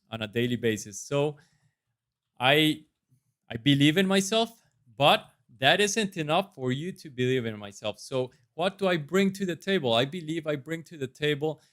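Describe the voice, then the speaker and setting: On camera, a self-assured, earnest residency applicant from Costa Rica, in his thirties, works through practice interview answers in a Costa Rican accent. The medium-pitched voice is clear and resonant, a bit bright.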